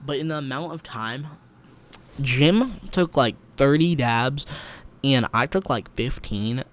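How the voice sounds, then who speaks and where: A young man telling a long rambling story in slang, with restarts and loud bursts when he quotes people. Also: medium pitch, expressive, slow. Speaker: storyteller vlogger. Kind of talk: casual storytelling.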